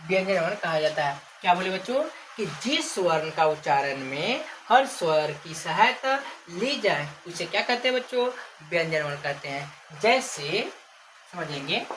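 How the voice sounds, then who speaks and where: In a lowish, animated voice at normal speed, a woman runs a children's grammar lesson. She asks the class questions again and again and draws out example words. Names she calls as examples are stretched out, and background noise fills the recording.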